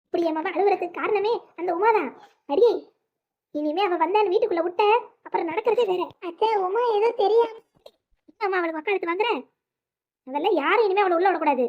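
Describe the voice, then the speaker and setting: A woman's voice: extremely high pitch, fairly quick, pauses often. A woman voicing a bossy, doting older mother-in-law who scolds and gives orders in a cartoon family drama. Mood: commanding. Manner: scolding, commanding. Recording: dull lo-fi audio.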